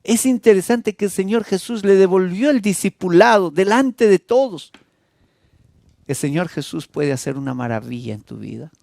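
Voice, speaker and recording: Gravelly emotive Peruvian preacher man. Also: expressive, moderate pace, dry recording. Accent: Peruvian Spanish. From Peru. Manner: emotive, dramatic storytelling with wide swings in pitch and loudness. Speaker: pastor. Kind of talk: evangelistic sermon.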